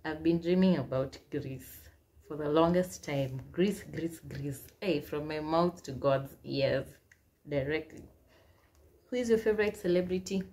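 Speaking unhurriedly in a deep, warm voice, a Kenyan woman in her twenties reads out get-to-know-me questions and answers them for a casual Q&A vlog. The chatty YouTuber, who has a Kenyan accent, drops Swahili phrases in as she sits against a plain wall in a small indoor room.

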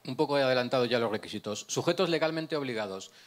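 Quick and expressive, a man of medium pitch gives a conference talk as a prosecutor. He lectures from slides indoors in a conference room, using a handheld mic. His style is explanatory, full of self-posed questions he answers, with frequent restarts.

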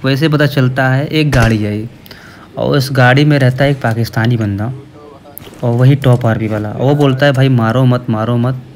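A man's voice: mid-range voice, normal speed, a little hiss or hum. A man hosting a gaming channel, casually explaining his gameplay to viewers.

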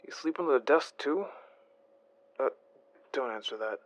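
In naturalistic audio drama dialogue, a man plays a polite, friendly former agent on night shift who is respectful, a little hesitant, friendly and concerned. His mid-range voice is expressive at a moderate pace and lightly acted, with no room sound but poor audio.

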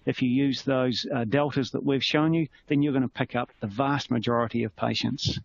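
A man's voice: mid-range voice, steady tone, normal speed, creaky. A man with a New Zealand accent, giving a conversational medical teaching webinar and explaining with everyday analogies. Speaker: clinician presenting a webinar. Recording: slightly muffled with faint noise.

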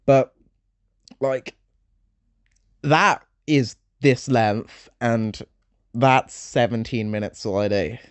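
A young man in his late teens narrating a game summary video essay, chatty and full of joking asides with dark humor. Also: mid-range voice, drawn-out words, pauses often, smooth, no room sound.

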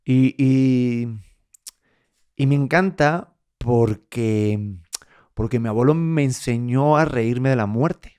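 A man hosting a podcast and chatting casually, an emotional, jokey and animated storyteller. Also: medium pitch, slow, clean tone. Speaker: podcast host. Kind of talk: casual chat.

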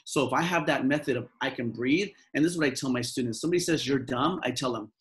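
A man's voice: mid-range voice, fast talker, low-quality recording. A man who works as a mindfulness coach, answering interview questions in an earnest, repetitive way, often acting out the lines he quotes. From Southern California.

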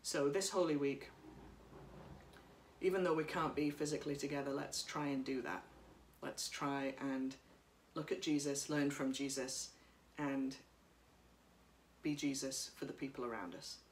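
A woman priest giving a sermon at home, speaking in a gentle, reflective way while reading from notes, recorded by a camera across a room. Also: extremely low pitch, steady tone, unhurried, roomy sound, slight background noise. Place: living room by a bright window.

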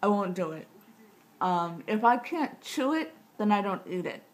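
This vlogger in her thirties sounds very animated yet unhurried, with a medium-pitched voice that is tight-jawed from recent jaw surgery. Chatting casually to the camera, she shares recovery tips in a rambling, matter-of-fact way, often interrupting herself. She's in a small living room indoors, recorded by a camera mic at about arm's length, and clear room noise can be heard.

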